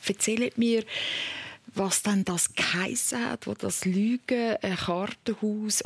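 A Swiss German woman hosts a late-night call-in radio show. She speaks at a middle pitch with a gravelly, slightly husky voice, asking probing questions in a relaxed conversational tone. Her voice comes across close and dry on a studio microphone. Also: dry recording. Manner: conversational, probing, gently prompting.

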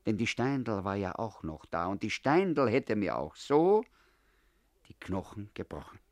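A man's voice: lowish voice, very animated, measured pace, a little mellow, dry recording. A man reading a first-person story aloud in a confiding tone, as if talking to an old comrade. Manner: confiding, addressing the listener as comrade. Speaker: audiobook narrator. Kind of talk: first-person literary narration.

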